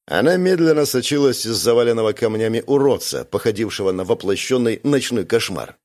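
A man reading first-person science fiction narration in an even, steady storytelling voice. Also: mid-range voice, brisk. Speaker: audiobook reader.

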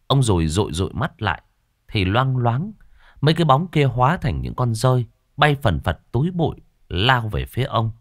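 A man narrating a ghost story in a dramatic, expressive storytelling manner. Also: mid-range voice, moderate pace, no room sound, studio quality.

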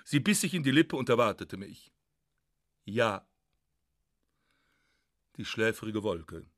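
Measured male radio reader, dry studio. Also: on the low side, big pitch swings, a bit bright, dry recording. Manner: measured, ironic. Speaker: narrator. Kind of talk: literary radio reading.

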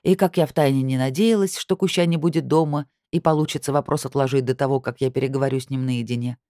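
A woman reading a novel aloud in the first person, with an expressive, lively delivery. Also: very deep voice, quick pace, no room sound, clean studio sound. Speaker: audiobook narrator. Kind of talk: first-person audiobook narration.

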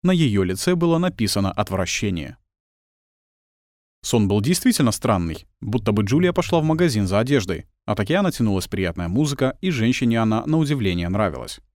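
A man narrating a story in an expressive reading voice. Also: fairly low pitch, a little fast, no echo, clean studio sound. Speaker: audiobook narrator. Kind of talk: scripted narration.

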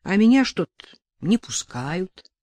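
Чтица озвучивает неловкого вежливого мужчину, который говорит тихо и виновато, без нажима, неторопливо. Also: female voice, mid-range voice, very animated, takes it slowly, a little mellow, no echo, clean studio sound. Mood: subdued. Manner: subdued, apologetic. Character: awkward polite man, quiet and guilty.

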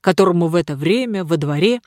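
An audiobook narrator telling a classic tale in an even, measured way, with a middle pitch. The recording is dry and close, with no room around it. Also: no room sound. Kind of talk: scripted narration.

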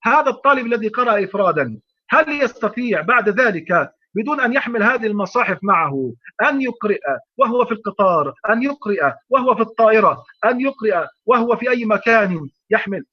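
Egyptian male sheikh, quick emphatic lecturer, repeats himself, dull online recording. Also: high voice, animated, husky. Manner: emphatic, repeats phrases, rhetorical questions. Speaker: sheikh teaching Quran readings.

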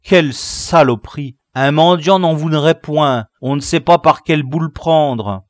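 A man voicing a village boy who loudly scorns a dirty rag. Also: fairly high pitch, a little slow, dry recording, clean studio sound, pitched above the performer's own voice, lightly acted. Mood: disgusted. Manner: loud, scornful.

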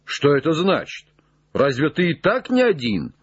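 A man voicing an excitable, obsessed gentleman giving urgent orders in a raised, breaking voice. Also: on the high side, moderate pace, husky, no room sound, dull audio, voice pushed up, exaggerated voice. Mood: commanding.

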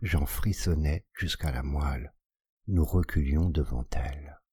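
Very deep, husky male audiobook narrator. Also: measured pace, mellow, no room sound, studio quality. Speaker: audiobook reader. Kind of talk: scripted narration of a classic tale.

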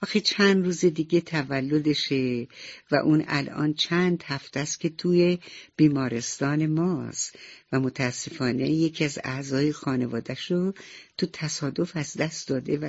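A woman voicing a kind, motherly female nurse who speaks softly and reassuringly in a radio bedtime story. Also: deep voice, muffled recording. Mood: tender. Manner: soft, tender, reassuring.

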